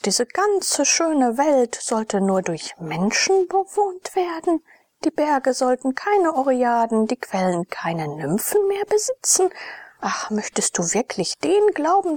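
A gentle, warm-hearted young woman speaks tenderly and pleadingly in a raised voice, as a woman narrating an audiobook puts her on. The voice is husky with some fry, recorded dry and close. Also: high voice, sing-song, a little slow, dry recording, pitched above the performer's own voice, full character voice.

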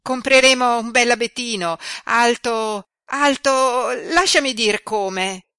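A woman reading aloud, voicing a lively, excited young woman in a storybook. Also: medium pitch, a little slow, dry recording, studio quality. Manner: exclaiming, playful.

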